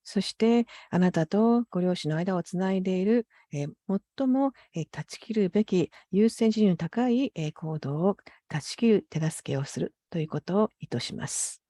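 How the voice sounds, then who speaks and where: Mellow woman interpreting, dry close sound. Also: medium pitch, lively intonation, moderate pace, hardly any pauses, no room sound. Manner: polite, careful, hesitant phrasing. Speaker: consecutive interpreter. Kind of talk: interpreting a guided meditation.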